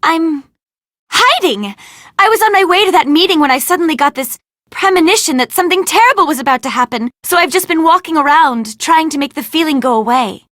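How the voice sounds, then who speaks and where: A video game voice actor plays a vain, ditzy young movie actress from an adventure game who schemes for fame. Her high voice is wildly expressive and brisk, gushing theatrically and conspiratorially like a self-adoring gossip. The recording is dry and close, with a studio sound.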